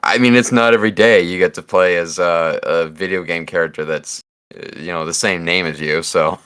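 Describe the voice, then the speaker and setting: A man's voice: low voice, fairly even intonation, fairly quick, a bit bright, clean tone. A man co-hosting a casual podcast chat, rambling through stories and laughing at them. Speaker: podcast co-host.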